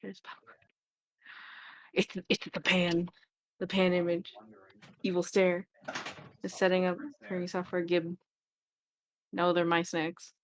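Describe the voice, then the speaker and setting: A woman co-hosting a casual stream, bantering playfully with quick reactions. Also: lowish voice, completely flat delivery, slight background noise. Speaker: co-host. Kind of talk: casual chat.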